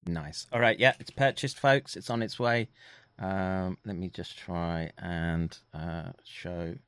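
A fairly low-pitched man chats offhand to his viewers, muttering half to himself in between. The sound is dry and close, with no room around it. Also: steady tone, takes it slowly, a bit bright, clean tone, no room sound. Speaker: vlogger. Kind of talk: casual chat to viewers.

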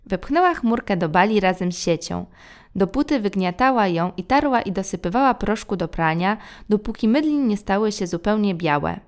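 Woman gently narrating a children's story. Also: medium pitch.

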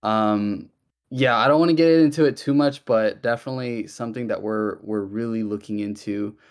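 A man's voice: lowish voice, moderate pace. A man hosting a casual online Q&A, chatty and loose, with many fillers and restarts. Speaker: project host. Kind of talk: casual audio-room Q&A.

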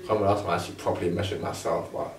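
Young man, London roadman accent, casual slangy chat, animated storyteller, distant mic, echoey room. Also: deep voice, racing. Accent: London roadman, multicultural London English. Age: young adult. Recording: roomy echo, distant from mic.

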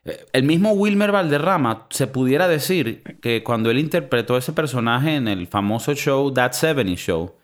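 With hardly any pauses, this Venezuelan-accented man co-hosts a podcast at a normal speed and medium pitch. He's animated and slangy, and he curses freely throughout the casual conversation.

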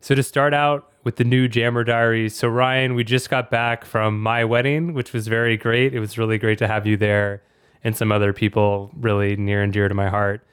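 A man's voice: on the low side, flat delivery, normal speed, a bit bright, clear, resonant tone, dry recording, studio quality. A man hosting a podcast in a casual, fluent, talkative way. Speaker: podcast host.

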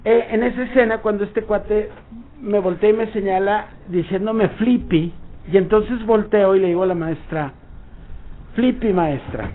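A man's voice: high voice, a little slow. A Mexican man telling a rambling anecdote on a radio show, acting out bits of dialogue. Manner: rambling storytelling with acted-out dialogue. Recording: tinny phone-like sound.

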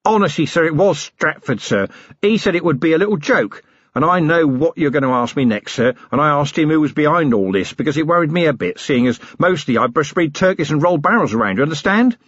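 A dim, deferential male prisoner, as a man puts him on, eager and rambling, his pitch leaping about as he talks. The recording is dry and a little dull. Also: lively intonation, brisk, husky, no echo. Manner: eager, rambling, repeatedly says sir.

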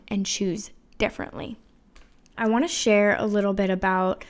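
A woman in her thirties hosting a reflective solo podcast, speaking in an earnest, confessional way with casual fillers, her voice showing emotion as she talks. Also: mid-range voice. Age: 30s. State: emotional, voice wavering. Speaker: podcast host.

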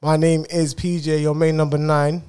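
Man, fairly high voice, podcast host, casual banter. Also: level tone, moderate pace, dark tone, clean tone.

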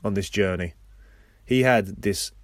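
A man's voice: on the low side, unhurried, dry recording, clean studio sound. A man hosting a podcast, casually recapping a wrestling episode play by play with rambling personal asides. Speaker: podcast host.

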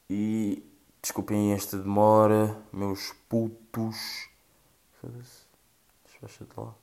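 A man's voice: fairly low pitch, vocal fry, a little mellow. A young man with a European Portuguese accent, hosting a casual commentary and ranting with profanity and mockery. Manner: profane, rambling, mocking. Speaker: host reacting to social media clips.

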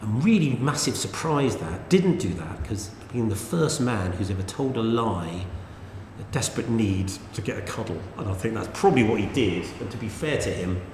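Recorded in a room with long, echoing reverb and slight background noise, a middle-aged man co-hosts a podcast, spinning anecdotes in a chatty way. He keeps a moderate pace, his pitch rising and falling lively.

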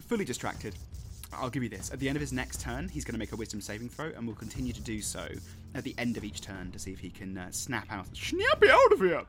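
A man's voice: mid-range voice, fairly bright tone, a little hiss or hum. A man running a tabletop game as game master, playful and theatrical.

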